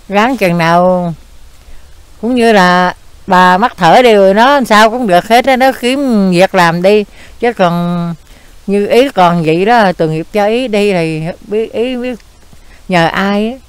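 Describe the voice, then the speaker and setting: An older woman, a grandmother answering questions in a soft, rambling way, searching for words. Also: mid-range voice, takes it slowly, smooth, no echo. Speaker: grandmother being interviewed.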